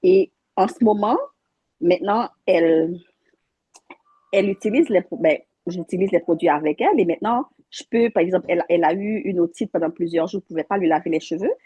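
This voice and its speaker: A woman's voice: lowish voice, brisk, warm tone, husky, no room sound, lo-fi sound. Earnest woman telling her story. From Haiti. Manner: earnest, restarts often. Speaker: workshop participant, a mother. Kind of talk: personal story on a video call.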